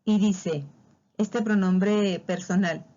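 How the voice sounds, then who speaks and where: A woman's voice: medium pitch, steady tone, slow pace, mellow, muffled recording. A woman teaching a spelling lesson, patiently walking through examples and drawing out key words. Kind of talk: spelling lesson explained over slides.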